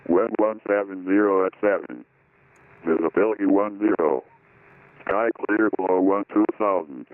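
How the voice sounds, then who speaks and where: A man's voice in an airport weather broadcast, heard over an aircraft radio as a flat, repeating recorded readout of weather figures. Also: deep voice, normal speed, no echo. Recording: tinny dry radio channel.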